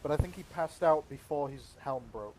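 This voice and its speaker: A man's voice: a little high, a little fast, crowd noise, low-quality recording. A man chatting hesitantly in character as a ship's crew member in a game roleplay. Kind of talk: casual in-character game chat.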